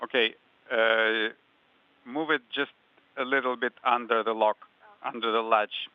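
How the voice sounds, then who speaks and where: A man giving calm, brief step-by-step instructions over a space-to-ground radio link. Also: mid-range voice, measured pace, clear, resonant tone, no room sound. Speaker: spacewalk crew radio communicator. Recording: tinny narrow-band radio transmission.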